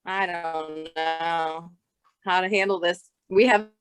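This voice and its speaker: A woman's voice: on the low side, steady tone, slow pace, smooth, soft background music. A woman presenting over a video call from a phone, her audio choppy and breaking up, sounding flustered by the tech trouble. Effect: choppy, frozen video call audio breaking up. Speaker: program presenter. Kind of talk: casual video call chat.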